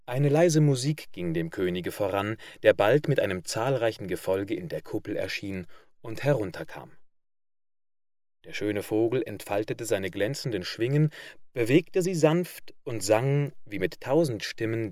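Low-ish male voice, measured fairy tale reading, dry close sound. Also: dry recording. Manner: measured, even literary reading. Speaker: audiobook narrator. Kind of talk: scripted narration of a fairy tale.

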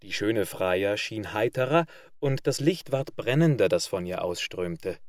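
A man with a fairly low voice reads a fairy tale aloud in a measured, even literary manner. The recording is close and dry, with no room sound. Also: dry recording. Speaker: audiobook narrator. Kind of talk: scripted narration of a fairy tale.

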